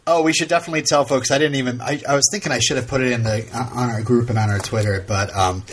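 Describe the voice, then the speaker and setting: A man's voice: mid-range voice, steady tone, fast, a little hiss or hum. A man co-hosting a podcast in a casual chat, rambling with many restarts and fillers. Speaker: podcast co-host.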